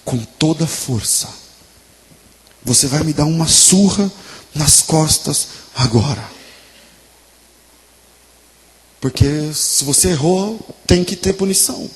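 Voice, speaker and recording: A man voicing a stern but loving mother who talks firmly and deliberately to her son. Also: mid-range voice, steady tone, vocal fry, darkish tone, natural voice. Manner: firm, measured, turning pleading.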